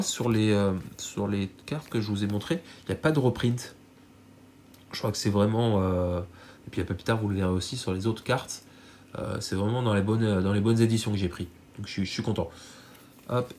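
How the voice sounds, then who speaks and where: A man's voice: on the low side, a little mellow, slight background noise. Nasal French man with a head cold. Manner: rambling, many fillers and self-corrections. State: stuffy nose from a cold. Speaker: card collector YouTuber. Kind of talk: casual unboxing chat to viewers.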